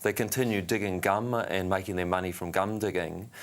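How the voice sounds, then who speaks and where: A man with a New Zealand accent, an interview guest explaining and storytelling conversationally in halting, unhurried short phrases. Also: low-pitched, steady tone. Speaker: winery general manager, interview guest.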